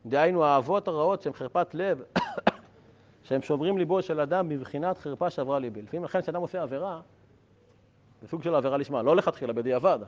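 In a dull, low-fidelity recording, a Torah teacher with a slightly high male voice keeps an animated, jokey tone. He engages listeners with humor and rhetorical questions.

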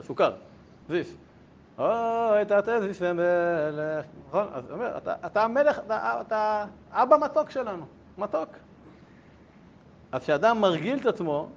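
Higher-voiced rabbi teaching in a yeshiva. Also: male voice. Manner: lively, conversational, with humorous asides and rhetorical questions. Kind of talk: Torah lesson with a told anecdote. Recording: dull lo-fi recording with faint rumble.

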